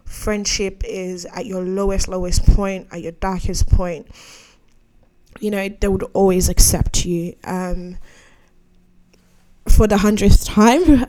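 A woman's voice: medium pitch, a little mellow. A young adult woman hosting her own podcast, talking candidly and rambling off on tangents, with frequent laughs. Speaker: podcast host. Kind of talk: solo podcast monologue.

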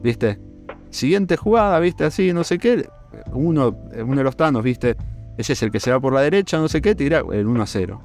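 A young man with an Argentine accent hosting a podcast, telling a story in a casual, animated way with lots of fillers. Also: mid-range voice, soft background music. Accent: Argentine Spanish. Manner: animated, drawn-out fillers, laughs while telling. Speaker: podcast host.

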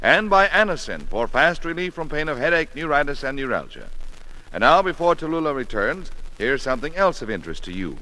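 A man's voice: fairly high pitch, very animated, brisk, pushed and bright, low-quality recording. A man announcing a 1950s radio show and reading its sponsor messages from a script.

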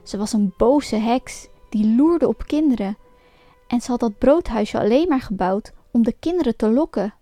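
Woman storyteller with a fairly high voice, reading a fairy tale aloud, lively and expressive. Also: normal speed, no echo. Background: faint music.

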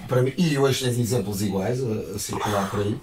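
A man's voice: fairly low pitch, a little fast, a little mellow, a little hiss or hum. A man with a Portuguese accent talking casually in a group discussion, often checking that he is understood with short tag questions. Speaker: salesman.

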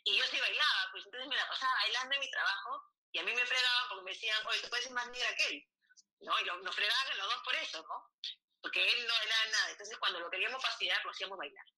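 A middle-aged Peruvian woman chatting casually and teasing, quick to laugh. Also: fairly high pitch, pushed and bright, low-quality recording. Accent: Peruvian Spanish. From Peru. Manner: joking, teasing, laughs easily. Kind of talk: casual chat.

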